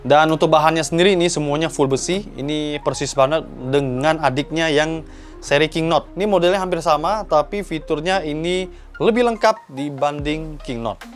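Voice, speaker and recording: A man's voice: fairly high pitch, normal speed, soft background music. A man giving an enthusiastic, explanatory product review as a shop owner, talking to viewers.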